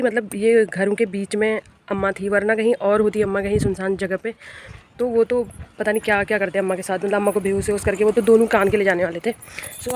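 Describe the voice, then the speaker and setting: A woman's voice: mid-range voice, darkish tone, a little hiss or hum. A woman giving a casual, earnest vlog account of local news from a rooftop, often repeating her points for emphasis. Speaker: vlogger. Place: outdoors on a house rooftop.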